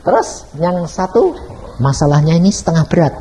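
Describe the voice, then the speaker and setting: Preacher guy, pitch jumping all over, storytelling sermon, asks the crowd stuff. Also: animated, normal speed, slight background noise, rough recording. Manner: storytelling, swings between loud and soft, asks the audience questions.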